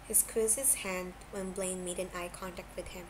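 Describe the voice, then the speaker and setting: An amateur audiobook reader, a woman with a fairly low, steady voice, narrates a story from a script at a moderate pace and occasionally stumbles over words. The home recording is clearly noisy.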